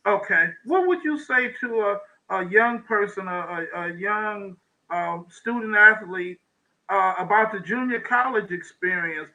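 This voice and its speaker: A man hosting a talk show, interviewing a guest in a halting way, often repeating words and laughing. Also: high-pitched, pushed and bright, poor audio. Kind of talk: interviewing a guest over video call.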